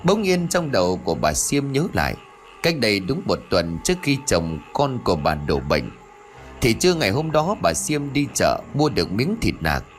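Guy reading a ghost story, really animated pitch, faint music under it. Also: moderate pace. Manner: dramatic, expressive. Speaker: audiobook narrator. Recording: soft background music.

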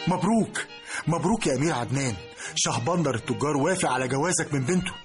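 A man playing a brisk, formal prince with an Egyptian accent in a radio drama. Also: fairly high pitch, expressive, over music, close to an everyday voice. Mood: congratulatory. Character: brisk, formal prince, king's son bearing news.

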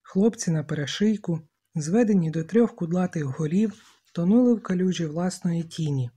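An audiobook reader narrating a novel in a steady, measured way. The voice is mellow and warm with a slightly husky grain. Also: medium pitch. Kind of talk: scripted narration.

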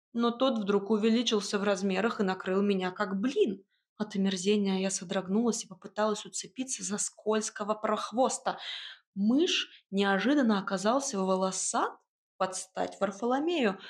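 A woman narrating a first-person novel aloud with a lively, ironic storytelling manner. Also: mid-range voice. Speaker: audiobook narrator. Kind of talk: expressive first-person fiction reading.

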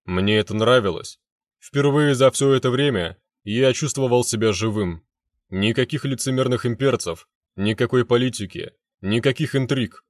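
A man's voice: medium pitch, normal speed, no room sound, studio quality. A man reading a first-person fantasy story aloud with intense, dramatic delivery. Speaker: narrator.

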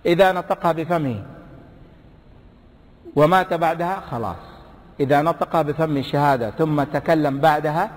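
Emphatic preacher in a hall. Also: male voice, moderate pace, pauses often. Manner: emphatic, swinging between low asides and high exclamations. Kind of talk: sermon. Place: large hall before a big audience. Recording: long hall reverb.

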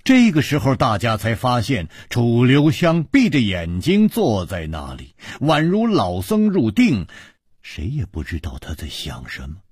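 Slow husky male storyteller. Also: mid-range voice, wildly swooping pitch, dry recording, clean studio sound. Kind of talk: traditional storytelling narration.

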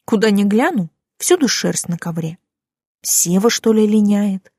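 A woman narrating first-person fiction in a lively, expressive reading voice. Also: mid-range voice, a little slow, breathy edge, no room sound, studio quality. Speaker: audiobook narrator.

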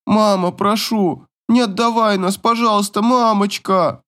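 A man's voice: high-pitched, fairly even intonation, unhurried, fairly bright tone, voice pushed up. A man voicing a desperate teenage daughter who pleads and screams hysterically in an audiobook. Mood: pleading. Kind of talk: audiobook narration.

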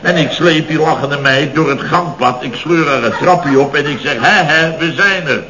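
Crowd noise surrounds a male actor whose fairly high voice stays close to everyday speech, at a moderate pace and with a Netherlands Dutch accent. He plays the blustering, middle-aged, put-upon building boss of a 1970s radio comedy, recounting mishaps indignantly through long, exasperated stories. The recording is dull and old.

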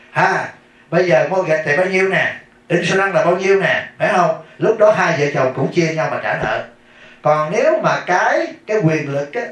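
A man's voice: fairly high pitch, a bit bright. A man giving a chatty dharma talk as a monk. He tells stories, laughs often and keeps asking the audience questions. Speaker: Buddhist monk teacher. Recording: echoey room, mic far off.

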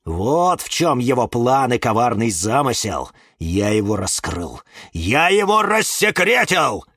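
A man voicing a suspicious, indignant male cactus in a children's audiobook, accusing and shouting. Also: mid-range voice, sing-song, measured pace, husky, dry recording, clean studio sound, heavily acted. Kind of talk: audiobook character voice.

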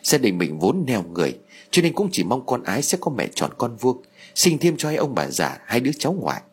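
Reading an audio story, a man with a mid-range, sing-song, husky voice speaks fairly quickly as a grief-stricken older mother. Distraught, she wails and blames her husband in tearful, pleading outbursts.

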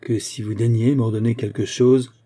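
A man's voice: medium pitch, steady tone, moderate pace, mellow, husky, natural voice. A man voicing an ardent, earnest young man declaring his love in a storybook reading.

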